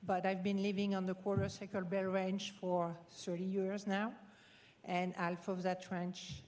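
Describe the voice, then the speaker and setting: A woman's voice: mid-range voice, level tone, a little slow, darkish tone. A middle-aged woman with a French accent speaks up at a public meeting as a cattle rancher. She presses her questions directly, with a mildly indignant edge. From France.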